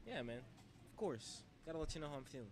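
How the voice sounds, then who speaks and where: A man's voice: fairly high pitch, sing-song, fast talker, heavy background noise. A man hosting and commentating a live stream, laid-back and joking as he rambles. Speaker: host and commentator. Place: glassblowing studio with people around.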